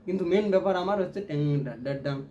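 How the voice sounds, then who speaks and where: Very fast and high-sitting, a man's voice guides a ukulele lesson, explaining strums and chanting rhythm syllables and counts aloud while he plays. The audio is dull, with slight background noise and loud plucked strings beneath him.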